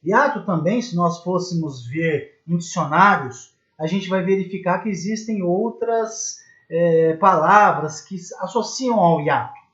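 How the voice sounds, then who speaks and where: Brazilian man, grammar teacher, unhurried delivery, patient and repetitive; echoey room. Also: high-pitched, a bit bright. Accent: Brazilian Portuguese. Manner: patient, repeats and spells out examples, checks in with "tá?". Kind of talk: recorded grammar lesson. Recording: echoey room, dull lo-fi sound.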